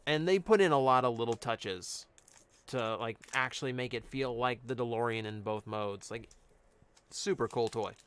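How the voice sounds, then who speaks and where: A man's voice: mid-range voice, moderate pace, a bit bright, a little hiss or hum. A man chatting casually on a live stream, reading out cards and answering chat. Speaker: streamer opening card packs.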